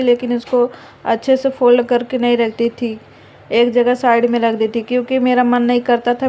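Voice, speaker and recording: A woman's voice: a little high, warm tone. A young woman narrating her household chores in a chatty, rambling home vlog. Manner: chatty, rambling, fillers of "matlab". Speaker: vlogger, mother.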